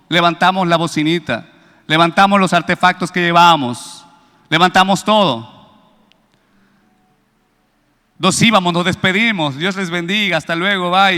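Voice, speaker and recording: A high-pitched man preaches in a big, reverberant hall. His voice is bright and forceful, and he tells a testimony in a lively way, putting on the voices of the people in it. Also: moderate pace, clean tone. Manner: animated storytelling, acts out quoted voices, builds to loud praise. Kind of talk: sermon with a personal testimony.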